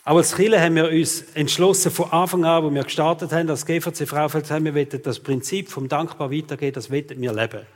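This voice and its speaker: A man's voice: a little high, steady tone, fast talker, hardly any pauses, big-room sound. A man, preaching a sermon as pastor and talking straight to his listeners, often tagging his sentences with "oder?". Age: 40s.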